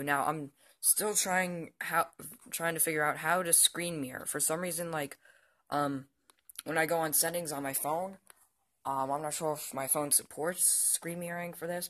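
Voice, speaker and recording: Fairly high and fairly bright, the voice belongs to a young man, a teen or just past it, who vlogs as an amateur. He gives a loose, unplanned show-and-tell near the TV at home, wandering hesitantly and often trailing off.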